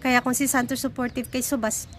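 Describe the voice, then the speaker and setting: A young woman chats to her vlog viewers at home, telling a family story with frequent laughs. Her voice sits a little high, and faint room ambience lies under it. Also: level tone, fairly quick, slight background noise. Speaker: vlogger. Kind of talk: casual chat to viewers. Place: home in Nepal.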